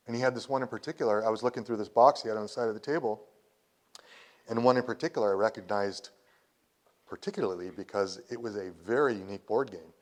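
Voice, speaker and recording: A man in his fifties giving a conference talk, telling a personal story in a rambling way with restarts, and emotional at times. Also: mid-range voice. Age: 50s. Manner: rambling, with restarts and quoted dialogue. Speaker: conference speaker. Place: presentation hall.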